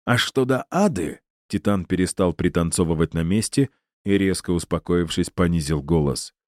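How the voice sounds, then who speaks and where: A man narrating an audiobook in a measured, even reading style, close to the mic. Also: low-pitched, dry recording. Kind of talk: scripted narration.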